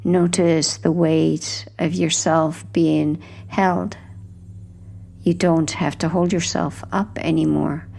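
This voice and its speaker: In a low, gravelly voice with flat delivery, a woman reads a sleep hypnosis script, hushed, soothing and unhurried, with phrases that softly trail off.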